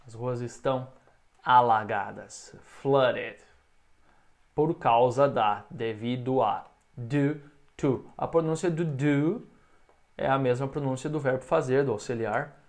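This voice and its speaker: Man teaching English, slow repeated phrases. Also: medium pitch. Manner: explains in Portuguese, models English phrases slowly for repetition. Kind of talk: recorded online English lesson.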